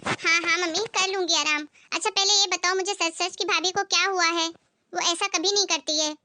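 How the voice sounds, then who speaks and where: A woman voicing a caring, outspoken young married daughter who talks in a lively, direct and insistent way, in an amateur family skit. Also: very high voice, moderate pace, noisy background. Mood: cheerful.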